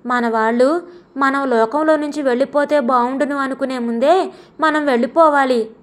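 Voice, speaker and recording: A woman voicing a frail, bedridden old grandmother who speaks gently and with resignation, in an audio story. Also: sits high, normal speed, natural voice. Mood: resigned.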